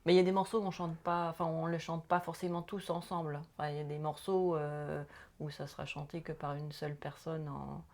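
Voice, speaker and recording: A woman's voice: deep voice, flat delivery, a little fast, darkish tone. A woman being coached, shy and hesitant, answering briefly and laughing often. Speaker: coaching client. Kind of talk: coaching session.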